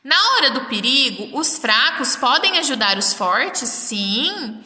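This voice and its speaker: A woman's voice: high voice, lively intonation, takes it slowly, bright, forceful tone. A woman teaching a primary school class remotely, speaking in Brazilian Portuguese, patiently sounding out and counting words for young children. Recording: roomy echo, mic at a distance.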